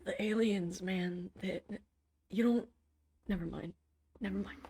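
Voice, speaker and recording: A woman's voice: medium pitch, a little slow, dark tone, slightly rough. A woman voicing a defensive, swearing adult male drug dealer who rambles as he justifies himself. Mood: rambling.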